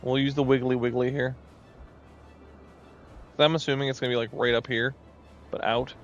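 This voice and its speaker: A man's voice: medium pitch, flat delivery, moderate pace, dull audio, soft background music. A man giving casual gameplay commentary as a streamer, rambling and self-deprecating. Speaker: video game streamer.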